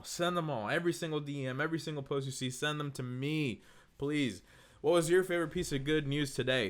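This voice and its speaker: A man's voice: medium pitch, fairly bright tone. A young man from North Carolina hosting a podcast, delivering an upbeat scripted monologue in an earnest, encouraging way. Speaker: podcast host.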